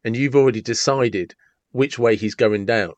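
Male podcast host, casual and animated, mid-pitched voice recorded dry and close. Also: moderate pace, no room sound. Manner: amused, animated storytelling. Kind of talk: casual conversation.

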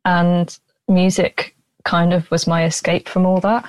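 A woman's voice: fairly low pitch, little pitch movement, a little slow, no echo. A woman in her twenties giving a casual personal account as a music student. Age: 20s.

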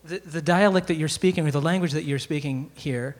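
A man hosting a casual live radio interview, relaxed and laughing easily. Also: a little high, brisk.

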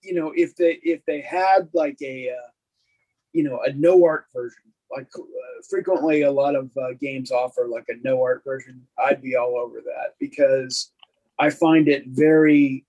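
A man's voice: medium pitch, fairly even intonation, moderate pace, darkish tone, rough recording. A middle-aged man co-hosting a podcast, chatting casually in a rambling, self-deprecating way with lots of fillers. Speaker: podcast co-host. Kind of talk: casual chat.

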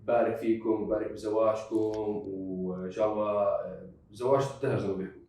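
A man's voice: lowish voice, fairly even intonation, fast talker, gravelly, mellow, recorded from a distance. A man with a Levantine accent hosting a casual podcast chat, recorded with heavy echo. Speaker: show host. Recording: very echoey, away from the microphone.

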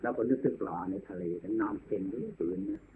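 Male Buddhist monk, Dharma talk, folksy and repetitive, low voice, thin lo-fi sound. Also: fast talker. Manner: plain-spoken, folksy, repeats his points. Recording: tinny, hissy old tape recording.

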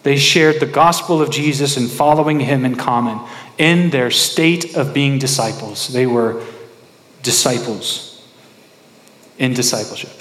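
A man's voice: mid-range voice, measured pace, fairly bright tone. A man preaching a sermon, putting rhetorical questions to the congregation and repeating phrases for emphasis. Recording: echoey hall with long reverb.

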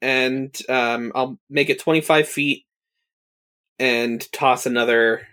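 A man playing a tabletop game, hesitant and planning his moves out loud with many pauses. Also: medium pitch, fairly even intonation. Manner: hesitant, lots of ums, planning aloud. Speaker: player. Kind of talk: casual tabletop play.

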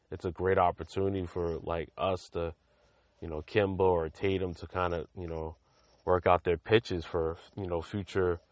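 A young man hosts a casual sports podcast, his voice sitting very low. He rambles, stacking fillers and restarting his sentences as he thinks aloud. The recording is dry and close, with no room sound. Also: dry recording. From Massachusetts. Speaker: podcast host.

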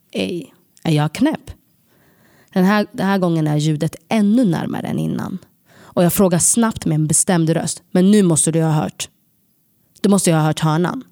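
A woman telling a personal story to an audience, lively and self-mocking, acting out the voices she quotes. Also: on the low side, no echo, clean studio sound.

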